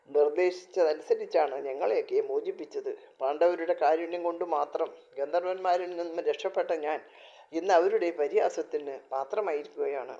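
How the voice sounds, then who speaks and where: A man voicing a humiliated, despairing king in a storybook telling, read quietly on a dull lo-fi recording. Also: on the high side, lightly acted.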